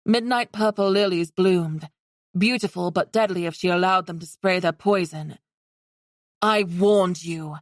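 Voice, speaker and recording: A woman's voice: medium pitch, dry recording, clean studio sound. Woman narrating a fantasy audiobook. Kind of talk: scripted narration.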